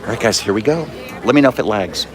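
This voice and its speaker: A man's voice: on the low side, animated, fast talker, over music. A man chatting casually to viewers as he live-streams from a busy public place. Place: busy public theme park. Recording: busy crowd noise around him.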